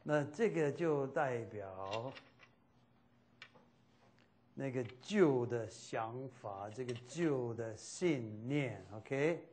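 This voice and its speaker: A man leads a faith class at an unhurried pace, circling back on his points and sprinkling in English fillers. His pitch sits mid-range. A faint hum of room ambience runs underneath. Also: lively intonation, a little mellow. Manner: loose, repetitive, mixing in English fillers. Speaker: teacher.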